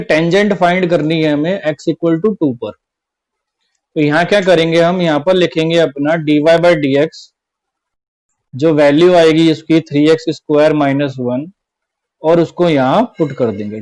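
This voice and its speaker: Step by step, a man teaches an online class-twelve maths lesson, repeating the key points and often saying "theek hai". His voice is fairly high and a little mellow, heard through a low-quality recording.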